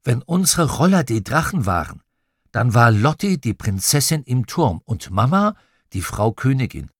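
A man narrating a children's audiobook, telling the story in a lively, expressive way into a close studio mic. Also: medium pitch, normal speed, creaky, slightly rough, dry recording. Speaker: audiobook reader.

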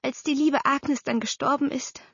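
Woman doing a bossy, brisk aunt. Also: high-pitched, fairly even intonation, creaky, a bit bright, dry recording, voice pushed up. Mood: scolding. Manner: emphatic, scolding. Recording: slightly dull dry recording.

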